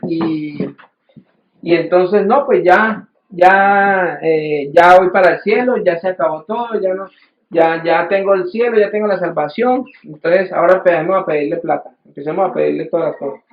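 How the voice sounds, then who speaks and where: A man's voice: high voice, echoey room, highs cut off. A man preaching a sermon in a conversational way, often restarting sentences and acting out quoted voices. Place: church hall.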